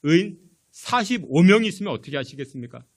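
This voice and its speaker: A preacher acting out a pleading old patriarch who bargains with God in a sermon. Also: male voice, high-pitched, sing-song, quick pace, exaggerated voice. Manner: urgent, imploring.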